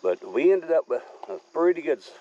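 A homesteader films a walk around his wooded rural land, rambling in an easygoing, folksy way. His voice is a little high, gravelly, very animated and fairly quick. The handheld camera audio is slightly dull, with crickets, insects, and slight background noise.

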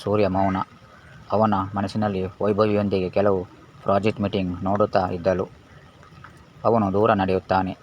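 A male storyteller reads a serial novel in a very deep, monotone voice. His reading is measured and unhurried. The sound is dull and lo-fi, with a faint hiss underneath. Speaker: narrator. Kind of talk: storybook narration.

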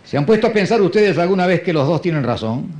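A man performing a stand-up comedy monologue in a dry, understated deadpan manner. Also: sits high, quick pace. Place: stage before a live audience. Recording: live show with audience and faint noise.

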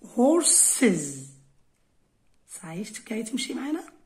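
Woman, Algerian Arabic accent, English teacher, exam correction lesson, step-by-step explaining, unhurried, lively pitch.

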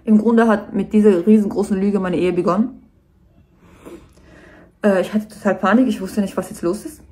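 A woman's voice: mid-range voice, fairly even intonation, normal speed, mellow. A nervous woman giving a personal statement to camera, earnest and hesitant.

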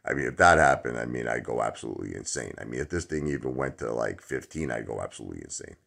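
A man, chatting rambly to his phone camera in a dark room at home. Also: rumbling low, animated, quick pace, gravelly. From Brooklyn, New York. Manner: rambling, chatty, many fillers. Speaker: stock vlogger. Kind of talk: casual chat to camera. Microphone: phone at arm's length.

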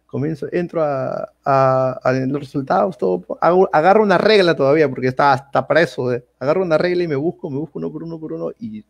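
A young man, a guest telling his story in a casual, animated interview and acting out the dialogue. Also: on the high side, quick pace, creaky, hardly any pauses. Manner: animated retelling full of quoted dialogue.

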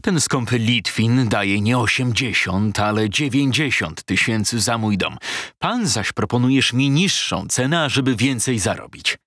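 A man's voice: medium pitch, animated, measured pace, no room sound, clean studio sound. A man playing a cold, curt merchant. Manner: sharp, unpleasant, clipped. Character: stern middle-aged merchant, curt and cold.

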